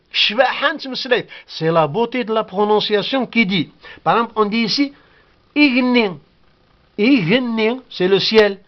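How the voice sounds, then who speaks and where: A man's voice: high voice, highs cut off. A man whose first language is Kabyle gives a patient spoken lesson, repeating each word and sounding it out. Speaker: language teacher.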